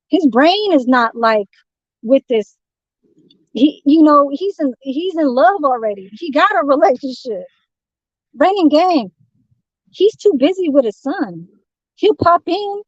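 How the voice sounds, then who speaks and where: A San Francisco woman with a high, slightly mellow voice goes off in a heated livestream rant, cursing constantly and rambling combatively. There's no room sound in the dull, dry lo-fi stream audio.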